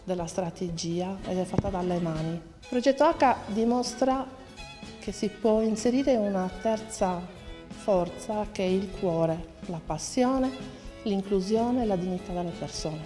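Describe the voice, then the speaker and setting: Woman, documentary testimony, reverberant sound, clear music underneath. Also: mid-range voice, a little slow, warm tone. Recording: long reverb, music behind.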